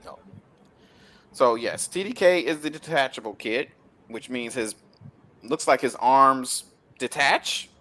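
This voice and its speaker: A man's voice: medium pitch, slow pace, pauses often, bright, forceful tone. A man hosting a casual film discussion, recapping plots with frequent laughter. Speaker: host.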